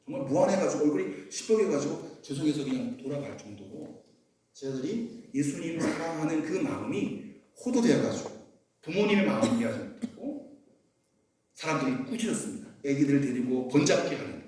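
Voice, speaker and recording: A man's voice: a little high, sing-song, a little fast, darkish tone. A male pastor preaching a sermon, emphatic, often putting questions to the congregation. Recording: echoey church hall, mic far off.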